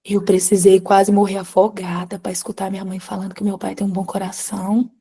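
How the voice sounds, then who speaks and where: A woman from Brazil, teaching a live class through animated, confiding personal storytelling and calling students by name. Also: mid-range voice, brisk, slightly rough. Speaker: course instructor.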